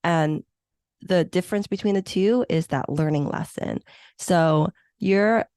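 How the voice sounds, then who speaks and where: A Hong Kong–born, U.S.-raised woman in her thirties, first language Chinese or Vietnamese, talks about meeting planning as an interview guest. Her lowish, unhurried voice is darkish, clear and resonant, her manner enthusiastic and reflective with lots of fillers, and the clean studio sound carries no room noise.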